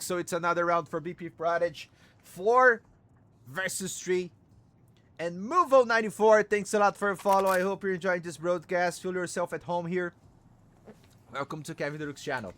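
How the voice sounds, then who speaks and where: A Brazilian man, a native Portuguese speaker with a Brazilian Portuguese accent, casts an esports match solo in English in a high voice. He erupts in quick, excitable bursts on plays and fills the gaps with chatty asides, laughs, and chat reading.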